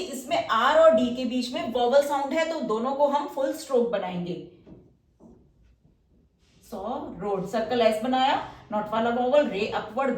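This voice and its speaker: A woman teacher giving a patient, step-by-step lesson, checking that her students follow along. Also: high voice.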